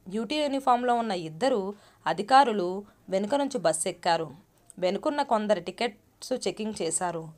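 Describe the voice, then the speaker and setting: A woman storyteller narrating a moral story in a steady, even reading voice. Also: medium pitch.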